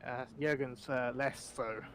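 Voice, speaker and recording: A man calling an online endurance race live, his pitch sitting in the middle range. He rambles and corrects himself mid-sentence as he follows the action. A faint hiss sits under his voice. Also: steady tone, unhurried, fairly bright tone. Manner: rambling, self-correcting, chatty. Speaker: race commentator. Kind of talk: live sim racing commentary.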